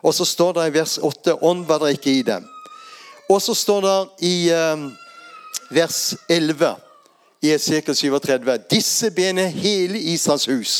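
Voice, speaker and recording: A man's voice: a little high, smooth. An older man with a Norwegian accent preaching a sermon, retelling Bible stories and asking rhetorical questions.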